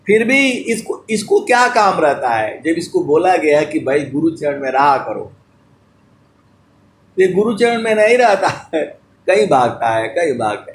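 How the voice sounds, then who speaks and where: Slow, chanting male preacher in an echoey room. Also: high-pitched, a little hiss or hum. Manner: slow drawn-out chanting of verses between spoken teaching; addresses listeners fondly as dear devotees. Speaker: spiritual preacher. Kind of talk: devotional sermon with sung verses.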